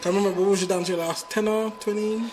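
A man hosting a casual interview chat, playful and teasing, with lots of quick affirmations. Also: high-pitched, fairly even intonation, darkish tone, a little hiss or hum. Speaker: podcast host.

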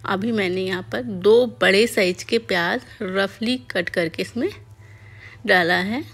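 A woman calmly narrating a home cooking tutorial step by step as a voice-over. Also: mid-range voice, a little slow, slightly rough. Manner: calm step-by-step explaining. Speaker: cooking channel host.

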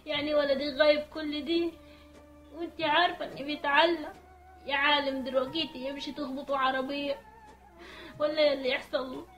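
A fretful mother with an Upper Egyptian accent frets and pleads over her missing son, played by a woman. Her voice sits high, and the room around her rings. Soft music plays underneath. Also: flat delivery, brisk. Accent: Upper Egyptian Arabic. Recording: echoey room with music behind.

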